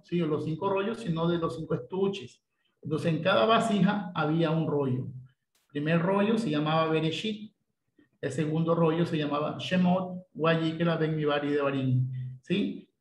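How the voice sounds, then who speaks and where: A man's voice: a little high, roomy sound, a little hiss or hum, rough recording. A man leading a church Bible study, explaining at length with many fillers and frequent questions to check his listeners follow. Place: church meeting room.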